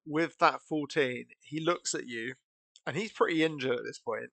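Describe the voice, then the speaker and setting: A man narrating a tabletop game as game master, improvising in a halting, casual way. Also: on the high side, gravelly, fairly bright tone.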